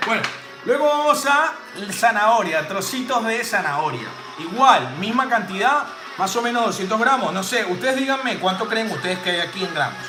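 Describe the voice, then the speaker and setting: A man's voice: high voice, sing-song, normal speed. A man teaching drink-making live, chatty and jokey, tossing in playful sound effects and casual swearing. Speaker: bartending instructor. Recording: roomy home space with music playing.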